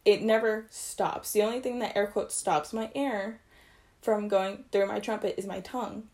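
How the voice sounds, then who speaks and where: A young woman who plays trumpet teaches articulation basics in a casual video. Her voice is medium in pitch, a little mellow, fairly even in intonation, and moderately paced. She's chatty, corrects herself as she goes, and keeps her explanations loose.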